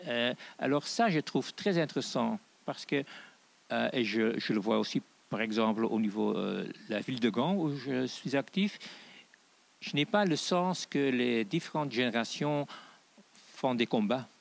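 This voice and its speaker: A middle-aged man speaks French with a foreign, Flemish accent. His delivery is slow and halting, with a gravelly creak, as he talks unscripted on a panel. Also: mid-range voice, lively intonation. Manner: halting, deliberate non-native phrasing. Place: large auditorium stage. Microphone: handheld microphone.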